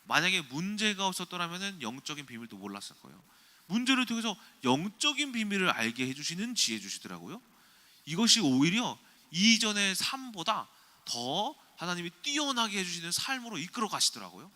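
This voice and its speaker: A male pastor preaching in a church, with a very bright, fairly high voice. His pitch rises and falls sharply as he tells animated personal stories. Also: fairly quick. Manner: animated, anecdotal storytelling. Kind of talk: sermon. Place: church sanctuary.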